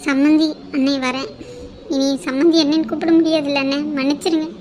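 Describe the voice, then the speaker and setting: A grieving cartoon mother-in-law who keeps apologizing, voiced by a woman. Her voice sits high, and her tone is soft and pleading. A faint hum of ambient noise runs under her. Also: fairly even intonation, brisk, lightly acted. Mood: sorrowful. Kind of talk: cartoon voice acting.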